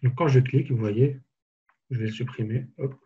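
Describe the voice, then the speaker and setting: A man giving a live software tutorial webinar, casually explaining each step as he clicks through it. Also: mid-range voice, moderate pace, husky, lo-fi sound. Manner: casual, explanatory, walks through steps on screen. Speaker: software trainer.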